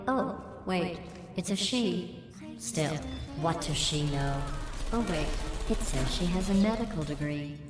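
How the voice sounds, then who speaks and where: A woman voicing a cold, sarcastic female AI that runs test chambers, speaking through a robotic filter in a deadpan, mocking way. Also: on the low side. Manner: deadpan, mocking, passive-aggressive. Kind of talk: video game dialogue. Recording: echoey with steady background noise.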